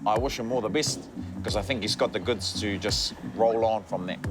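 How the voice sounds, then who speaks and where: A man's voice: on the low side, moderate pace. A man, an actor speaking casually in an interview. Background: music.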